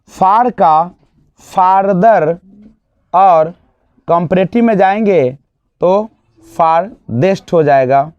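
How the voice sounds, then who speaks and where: A man teaching an exam-prep grammar lesson, asking the class questions and answering them himself, and drawing out example words slowly. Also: high-pitched, darkish tone, dry recording. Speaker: English teacher. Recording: dull, lo-fi dry sound.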